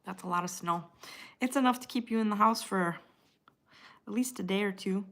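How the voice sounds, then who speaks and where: Here a US woman with a Midwestern accent runs a casual livestream, going from comment to comment and responding to viewers by name. Her voice is mid-range and creaky yet fairly bright, delivered at a normal speed.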